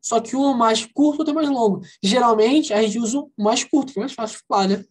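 A woman teaching English in an online class, lively and coaxing, quizzing students and repeating phrases slowly. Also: fairly high pitch, slightly rough. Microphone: video call.

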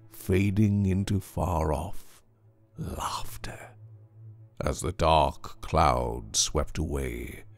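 Deep gravelly man reading horror. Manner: theatrical, dropping to hushed whispers. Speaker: narrator. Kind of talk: dramatic horror story reading. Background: faint music score.

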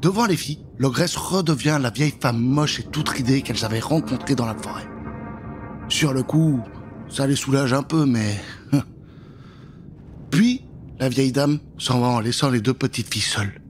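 Speaking at normal speed in a mid-range voice, a thirtysomething man dramatically narrates a children's story, with faint music audible behind him. He's on a close studio mic with a pop filter.

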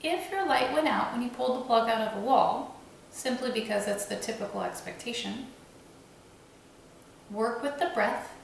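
Gravelly-voiced woman guiding a meditation. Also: fairly high pitch, slight background noise. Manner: slow, soothing, gently instructive. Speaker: meditation guide. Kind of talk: guided visualization meditation. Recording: very echoey room, faint ambience.

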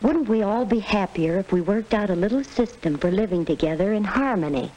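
A woman's voice: medium pitch, lively intonation, a little fast, dark tone, close to an everyday voice. A woman playing an earnest, orderly middle-aged American mother in a 1940s educational film. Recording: noisy vintage film soundtrack.

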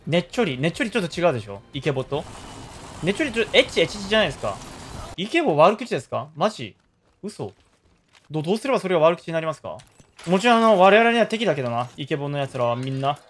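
Excitable high-voiced young man streaming a game. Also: a little hiss or hum. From South Korea. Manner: excitable, yelps loudly when in danger. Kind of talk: live gameplay commentary.

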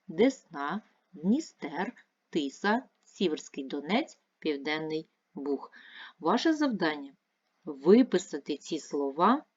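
A woman teaching a primary school language lesson, speaking in a clear, measured way and spelling out letters and sounds one by one. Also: fairly low pitch, a little mellow. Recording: dull lo-fi recording.

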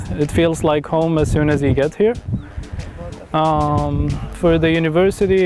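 A young man from Sweden talks calmly about feeling at home, his voice a little higher than most men's. Music plays clearly behind him outdoors. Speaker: medical student. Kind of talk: promotional testimonial to camera. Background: background music.

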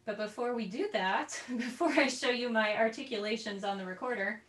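The woman's voice is fairly high, fairly quick and a bit bright as she runs an online group music lesson on the recorder. She chats through her explanations with little side comments. She's far from her computer mic, giving the video-call audio a roomy feel.

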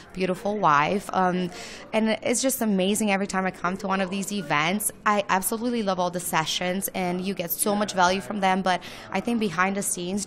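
A woman from Romania with a Romanian accent, talking enthusiastically as an interview guest, with many fillers. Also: medium pitch. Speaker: guest, launch service owner. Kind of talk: casual interview.

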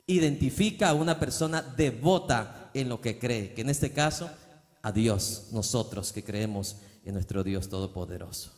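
A male pastor preaching a sermon in a church, building to loud, emphatic passages. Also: mid-range voice, animated, moderate pace. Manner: preaching with rising, shouted emphasis and acted quotes. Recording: long church reverb.

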